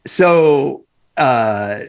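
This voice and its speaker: Male podcast co-host, casual, opinionated, excitable delivery over a remote call. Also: mid-range voice, very slow, gravelly, smooth. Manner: animated, opinionated, talks in bursts with fillers. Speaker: podcast co-host, football analyst. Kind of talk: casual sports podcast chat.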